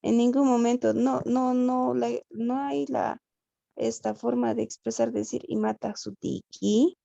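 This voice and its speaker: A woman's voice: fairly high pitch, little pitch movement, measured pace, vocal fry, mellow, no room sound, muffled recording. A woman from Peru, a student in a translation class, asking a question hesitantly and checking in often. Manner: hesitant, circles back with "¿no?".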